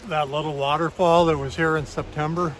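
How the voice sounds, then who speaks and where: A man's voice: fairly high pitch, fairly even intonation, brisk, soft background music. Plain-spoken man chatting in a travel vlog. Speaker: travel vlogger. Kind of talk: casual vlog chat.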